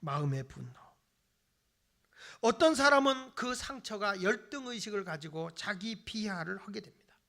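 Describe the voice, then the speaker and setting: A middle-aged man preaches with a high, gravelly voice, bright and forceful in tone. He plays out his congregants' excuses in little voices and drops from loud emphasis to near-whispers. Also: expressive, moderate pace. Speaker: pastor. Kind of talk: sermon.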